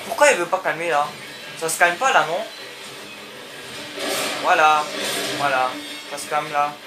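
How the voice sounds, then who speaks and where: A young man casually commenting on his gameplay, excitable and talking back to the characters on screen, often repeating himself. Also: on the high side, unhurried, music in the background. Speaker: let's play gamer.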